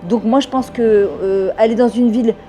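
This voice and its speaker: A woman's voice: on the high side, fairly even intonation, normal speed, mellow, soft background music. Fervent, talkative woman, around fifty. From France. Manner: fervent, talkative, sprinkles Hebrew words. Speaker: interviewee, French immigrant. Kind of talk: casual interview talk.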